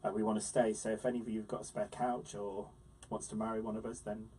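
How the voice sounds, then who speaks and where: A man's voice: fairly low pitch, level tone, fast talker, dark tone, distant mic, slight background noise, rough recording. A man hosting a theatre podcast interview in a studio, chatty, with theatrical introductions. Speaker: radio show host. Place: studio in New York.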